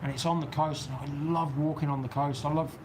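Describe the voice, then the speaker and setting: A man's high-ish, steady voice moves briskly over background noise, carrying a New Zealand accent. He's on a casual livestream from an outdoor weather shelter on a golf course, rambling as he reads and answers comments.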